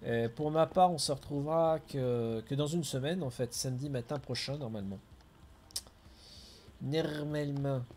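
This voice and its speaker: A man's voice: mid-range voice, moderate pace, hardly any pauses, a little mellow, slight background noise. A man streaming a game, chatting casually and answering his viewers by name.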